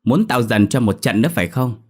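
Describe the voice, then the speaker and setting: A man voicing a cruel, rich old village landlord who shouts threats at his debtors. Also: fairly low pitch, lively intonation, a little fast. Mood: furious.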